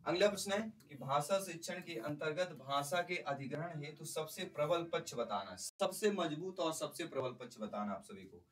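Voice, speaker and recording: A man's voice: fairly high pitch, lively intonation, normal speed, few pauses, far from the mic, poor audio. A male teacher giving an exam-prep lecture, explaining by repeating points and putting questions to the class.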